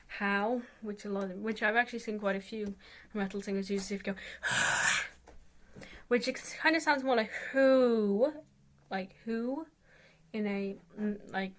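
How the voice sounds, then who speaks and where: A woman's voice: medium pitch, moderate pace. A woman giving a casual, rambling tutorial as an amateur vocalist, hesitant and self-deprecating, saying "like" very often.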